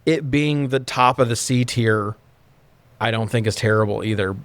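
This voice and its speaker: A man with a medium-pitched voice talks at normal speed on a dry recording. He's a podcast co-host reviewing movies in a casual, unscripted discussion, rambling through his opinions informally and swearing now and then.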